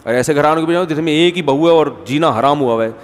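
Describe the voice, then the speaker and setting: A man's voice: fairly high pitch, rapid-fire. Man preaching in a reverberant hall. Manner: conversational, humorous, asks the audience rhetorical questions. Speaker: Islamic preacher. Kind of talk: sermon-style talk.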